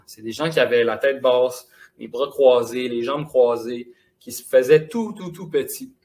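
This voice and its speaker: A young man with a Quebec French accent giving a lively, casual, encouraging motivational talk to students in a school auditorium. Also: medium pitch. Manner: lively, casual and encouraging, addressing the audience directly. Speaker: motivational speaker.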